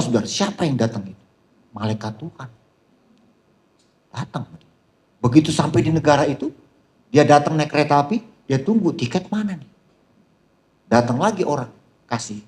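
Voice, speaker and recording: A male pastor preaching, telling stories with humor, often laughing and calling out to the congregation, with a flavor. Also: a little high. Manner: storytelling with humor, laughing, addressing "saudara"; animated, voice rising when excited. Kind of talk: sermon.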